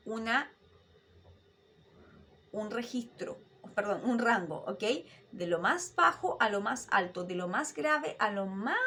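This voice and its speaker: A woman's voice: fairly high pitch, slightly rough. A woman, a voice-acting coach giving an online dubbing lesson. She keeps asking her listener rhetorical questions. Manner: animated teacher, asks rhetorical questions, demonstrates voices.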